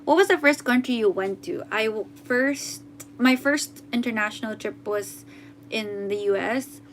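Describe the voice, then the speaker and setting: Filipino girl chatting on her livestream, switches into tagalog, keeps correcting herself, faint hum behind. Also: fairly high pitch. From Philippines. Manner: chatty, switches between English and Tagalog, often halting and unsure. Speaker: musician hosting a livestream. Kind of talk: casual livestream chat reading comments.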